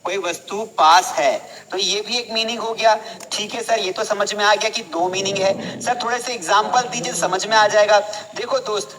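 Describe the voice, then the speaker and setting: A man's voice: high voice, fairly even intonation, moderate pace, in a large hall, a crowd in the background, rough recording. Chatty Indian man teaching English. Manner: chatty, asks the class questions and answers for them. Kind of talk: live spoken English class.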